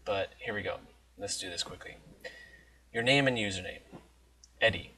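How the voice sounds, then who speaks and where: A man's voice: on the low side, normal speed, bright, forceful tone, distant mic, slight background noise. A young adult American man from New Jersey chatting casually, rambling and interrupting himself, with some offhand swearing. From New Jersey, United States. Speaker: blogger recording an accent challenge.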